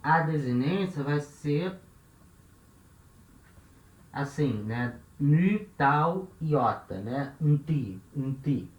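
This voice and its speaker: A man's voice: fairly high pitch, lively intonation, very slow, pauses often, roomy sound, highs cut off. A man teaching a language lesson, explaining step by step and often checking in with his listeners.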